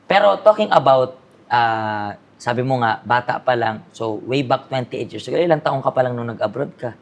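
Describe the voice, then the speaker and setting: Very low-pitched woman pastor hosting a church interview, reflective and probing. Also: lively intonation, moderate pace. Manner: mixes English into questions, many "parang" fillers, rephrases the guest's answers back.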